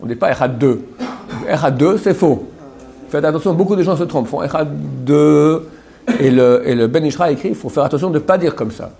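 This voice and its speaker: A man teaching a religious class. He talks in a chatty way, checks often that the class follows, and slowly repeats words to show how they are said. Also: on the high side, expressive, dark tone. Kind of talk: Torah class on Hebrew pronunciation.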